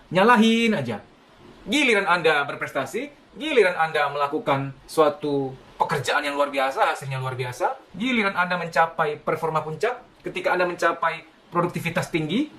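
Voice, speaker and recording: A man giving a lecture on parenting, animated, often acting out what parents and children say. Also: a little high. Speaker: psychology lecturer.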